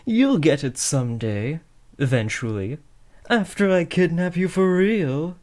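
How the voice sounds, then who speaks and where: Here the same kind of comedic roleplay has a young man voicing an earnest, awkward teen who wants to be a supervillain, hesitating and correcting himself with an awkwardly reassuring air. The voice is fairly high and expressive, a little slow, with a darkish tone.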